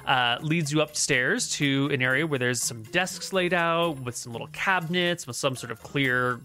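A woman working as game master, improvising scene descriptions in a casual, halting way. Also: very deep voice, pushed and bright. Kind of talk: improvised tabletop game narration.

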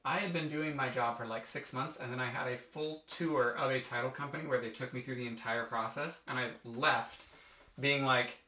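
A man co-hosting a casual podcast, lively and quick with jokey asides. His voice is bright and sits at a middling pitch, and the room around him rings with noticeable echo. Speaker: co-host, mortgage professional. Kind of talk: casual chat.

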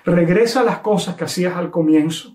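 A man preaching a sermon, telling a story with emphatic, slowly stressed phrases. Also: sits high, warm tone, roomy sound. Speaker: pastor.

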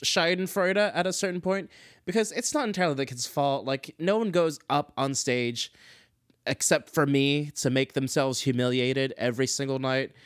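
A man's voice: medium pitch, fairly bright tone, no echo, studio quality. A man hosting a casual solo commentary show, chatty and self-deprecating, wandering off on tangents. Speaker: podcast host.

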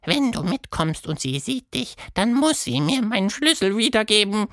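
A man voicing a small, playful tentacled fantasy creature in a children's story, with a squeaky high voice. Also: sing-song, normal speed, a bit bright, no room sound, clean studio sound, full character voice. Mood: squeaky, pleading. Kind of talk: storybook narration.

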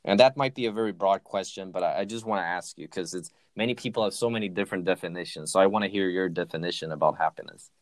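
A man's voice: deep voice, fast talker, no echo. A man hosting an interview, encouraging and affirming his guest, with frequent backchannel replies. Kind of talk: interview conversation.

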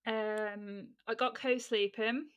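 A woman co-hosting a casual chat, speaking in a measured, reflective way with many ums. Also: a little high, steady tone, fairly bright tone, smooth. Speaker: podcast co-host.

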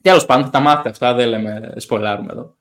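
A young man hosting a casual podcast, talking in an animated way, swearing and acting out stories about drinking. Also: medium pitch. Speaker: podcast host.

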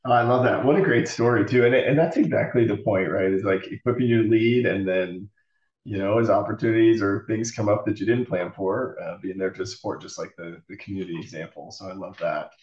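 A man with a low voice hosts an interview, asking slow, encouraging questions. He sounds set back from the microphone in a roomy space. The audio is dull and lo-fi. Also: a little mellow, recorded from a distance. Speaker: podcast host. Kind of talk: casual interview.

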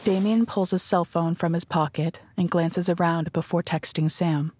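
Woman reading narration, lowish voice, dry close mic, measured. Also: steady tone, a little mellow, slightly rough, dry recording. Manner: measured, descriptive storytelling. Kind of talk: scripted narration.

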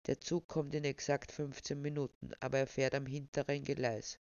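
A woman voicing a calm, pedantic male railway official who lectures in a dry, unbothered way. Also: mid-range voice, moderate pace, smooth, no echo, highs cut off, natural voice.

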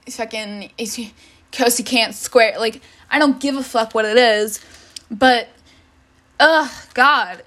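Exasperated teen girl ranting, bright voice. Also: on the high side. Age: teens. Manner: exasperated, swears a lot, many likes. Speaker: high school student. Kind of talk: casual venting vlog.

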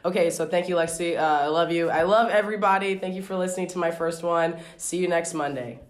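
A woman's voice: on the low side, quick pace. A woman hosting her podcast in casual chat, rambling with lots of fillers and giggles. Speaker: podcast host. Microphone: remote call.

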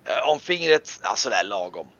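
A man's voice: big pitch swings, fairly bright tone. A man narrating a tabletop game as game master, rambling with many fillers. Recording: dull lo-fi sound with faint rumble.

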